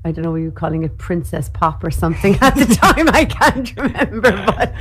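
A woman's voice: mid-range voice, expressive, fairly quick, fairly bright tone, soft background music, rough recording. A woman hosting a radio interview, asking long rambling questions in an effusive, chatty way. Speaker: radio host. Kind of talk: casual interview.

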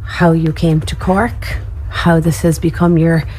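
A woman's voice: sits low, flat delivery, measured pace, mellow, husky, poor audio. A woman hosting a radio interview, asking long rambling questions in an effusive, chatty way. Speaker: radio host. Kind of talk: casual interview.

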